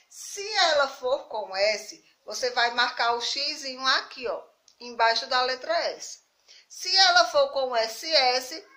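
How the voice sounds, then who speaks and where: A woman teacher with a Brazilian Portuguese accent, explaining a spelling lesson to young children slowly and patiently, often checking if they follow. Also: high voice, pushed and bright, far from the mic. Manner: slow, patient explaining with frequent "tá certo?" checks. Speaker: primary school teacher. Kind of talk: remote class lesson. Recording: roomy, from off the mic.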